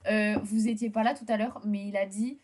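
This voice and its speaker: A woman co-hosting a dating game playthrough, reading character dialogue aloud and chatting casually in an excitable, slangy way. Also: mid-range voice, a little fast. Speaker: co-host playing a dating game.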